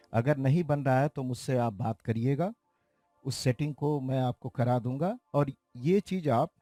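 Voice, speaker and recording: A man giving a slow, explanatory keyboard tutorial in a casual way, talking straight to his viewers. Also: on the high side, dry recording, clean studio sound. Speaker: keyboard teacher. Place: recording studio.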